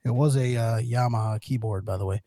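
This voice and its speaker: A man's voice: mid-range voice, brisk, warm tone, no echo. A man co-hosting a casual podcast, telling a long rambling anecdote with lots of swearing and quoted back-and-forth. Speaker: podcast co-host. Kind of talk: casual chat, storytelling.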